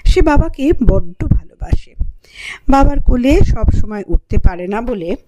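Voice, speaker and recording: A woman narrating a literary novel for an audiobook in a measured, clear way, announcing the page numbers. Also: on the high side, expressive, muffled recording, noisy background.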